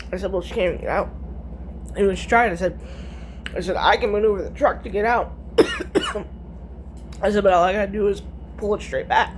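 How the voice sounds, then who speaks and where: A woman's voice: mid-range voice, quick pace, noisy background. A middle-aged woman retelling a dispute in casual chat, blunt and swearing freely, quoting each exchange. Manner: chatty, retells conversations with many "I said, she goes". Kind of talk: casual storytelling.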